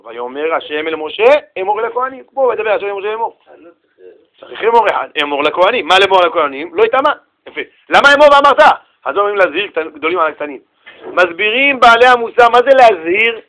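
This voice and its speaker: Male Torah teacher, high pitched, animated questioning preacher. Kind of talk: Torah lesson.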